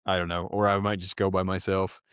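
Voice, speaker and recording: A man in his thirties telling relaxed stories in a casual podcast chat, laughing often. His voice sits on the lower side and sounds close and dry. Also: brisk, clean tone, dry recording. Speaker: podcast co-host.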